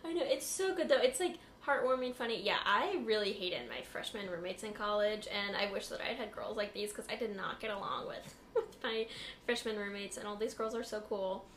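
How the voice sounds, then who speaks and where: A woman's voice: medium pitch, fairly quick, fairly bright tone. A young adult woman chatting casually and effusively, with some swearing thrown in. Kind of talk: casual chat. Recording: roomy echo, clear background noise.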